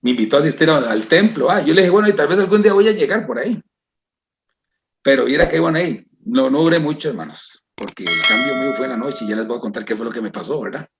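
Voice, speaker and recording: A man's voice: mid-range voice, expressive, quick pace, vocal fry, slight background noise. A man with a Costa Rican accent giving an emotional personal testimony to a church congregation, often calling out to his brothers and sisters. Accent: Costa Rican Spanish. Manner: emotional, repeats "hermanos" and "¿verdad?".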